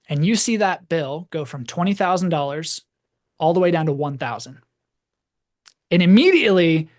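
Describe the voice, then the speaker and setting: A man giving a casual, rambling storytelling talk to a live audience, peppering his speech with "like". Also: on the high side. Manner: casual, rambling, heavy use of "like". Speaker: presenter.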